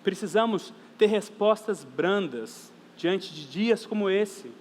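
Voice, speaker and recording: A man's voice: high-pitched, animated, slow pace. A man with a Brazilian Portuguese accent preaching a sermon as pastor, earnest and emphatic, repeating phrases for stress and addressing the congregation as brothers and sisters. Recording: reverberant church hall, faint background noise.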